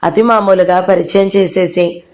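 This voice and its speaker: A woman reads a novel aloud for an audio book, giving every character's lines herself. Her pitch stays level with almost no rise or fall, so the reading has a steady, even sound. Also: normal speed.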